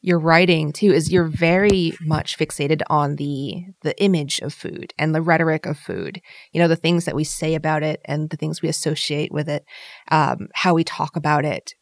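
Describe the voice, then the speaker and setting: A woman's voice: low voice, moderate pace, gravelly, dry recording, studio quality. A woman hosting a podcast, chatting casually and enthusiastically with many fillers and restarts. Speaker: podcast host.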